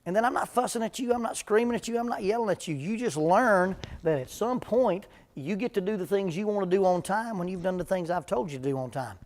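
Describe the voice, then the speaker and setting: High-voiced preacher, folksy and joking. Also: male voice, lively intonation, fairly quick, few pauses, darkish tone. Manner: humorous, conversational, plain-spoken. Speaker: preacher leading a parenting seminar. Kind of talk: folksy church seminar talk. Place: church meeting room with a live audience.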